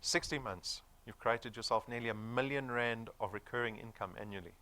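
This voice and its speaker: This sales presenter, a South African man aged forty, speaks with a sharp tone in a mid-range voice at a moderate pace. His motivational business presentation is emphatic and persuasive, dotted with rhetorical questions.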